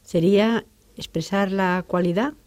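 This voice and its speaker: A woman's voice: medium pitch, a little slow, a little mellow, no echo. A woman co-host on an educational program, steering the lesson with brief prompting questions.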